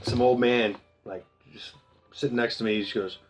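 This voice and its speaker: A man's voice: mid-range voice, fairly even intonation, moderate pace, music in the background. A man co-hosting a podcast in casual chat, trading wisecracking banter. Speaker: podcast co-host.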